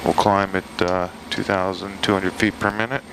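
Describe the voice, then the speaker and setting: A man's voice: low-pitched, normal speed, vocal fry, poor audio. A man flying a flight simulator, reading checklists and making pilot radio calls in a procedural, matter-of-fact way. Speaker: flight sim streamer, pilot. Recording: steady aircraft engine noise. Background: simulated turboprop cockpit noise.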